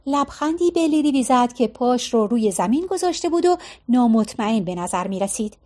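A woman reading a novel aloud in a steady, measured way as audiobook narrator. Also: a little high. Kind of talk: storytelling narration.

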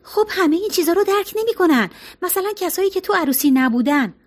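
A woman's voice: very high voice, expressive, voice pushed up. A woman voicing a reluctant middle-aged woman who hesitates and objects, in an audiobook reading. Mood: hesitant.

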